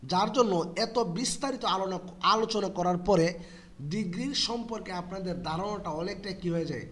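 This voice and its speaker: High-voiced man teaching grammar. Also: moderate pace, a bit bright, slight background noise. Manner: asks rhetorical questions and answers them, spells words letter by letter. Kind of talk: explanatory lesson for students.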